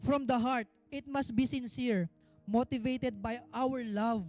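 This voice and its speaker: Male minister, very high voice, emphatic preaching that swells loud then drops soft, faint music under him. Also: fairly even intonation, slow. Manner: emphatic preaching, mixing Tagalog and English; rises to loud exhortation, drops to quiet asides. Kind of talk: sermon.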